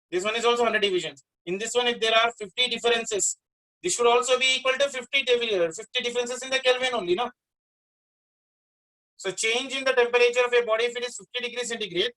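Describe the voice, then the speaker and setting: A man's voice: high voice, pushed and bright, poor audio. A man with a South Indian accent teaches an interactive lesson as a teacher, repeating himself and often checking in with questions.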